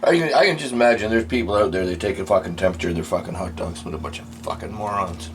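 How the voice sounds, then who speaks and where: A man's voice: fairly low pitch, quick pace, slight background noise. A man giving a casual, unscripted food review in blunt, crude, rambling, drunken-sounding talk, swearing constantly.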